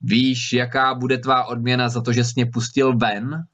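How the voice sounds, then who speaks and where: A man's voice: mid-range voice, monotone, a bit bright, close to an everyday voice. A man voicing a huge menacing male spirit trapped in a bottle, who thunders threats and wails pleas in a storybook reading. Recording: slightly dull recording.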